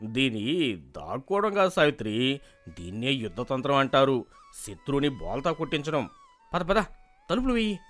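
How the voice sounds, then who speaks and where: An actor playing a cowardly, boastful middle-aged village man in an animated story, who blusters and then whimpers. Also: medium pitch, normal speed, long pauses, faint music behind. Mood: sheepish excuses.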